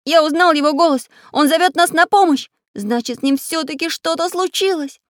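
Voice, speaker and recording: A woman voicing a brave little iron craftsman who talks loudly and eagerly. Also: mid-range voice, moderate pace, no room sound, clean studio sound, natural voice. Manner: loud and eager.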